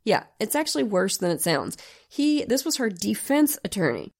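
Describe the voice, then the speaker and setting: Gravelly, croaky woman podcast host, hoarse. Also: mid-range voice, big pitch swings, moderate pace. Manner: wry, sarcastic, emphatic. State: hoarse from a sinus infection. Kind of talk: conversational true crime storytelling.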